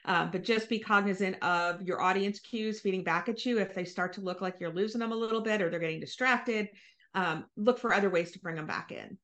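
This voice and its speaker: A woman guest on a podcast interview, explaining her points in a thoughtful, measured way. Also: medium pitch, fairly bright tone. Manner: thoughtful, explanatory, occasional fillers. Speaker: marketing executive guest. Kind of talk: conversational interview.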